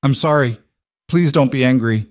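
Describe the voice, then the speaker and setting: A man's voice: medium pitch, normal speed, dry recording, studio quality, voice pushed up, natural voice. A man voicing a frightened young woman in a storybook narration, speaking in a thin, pleading voice.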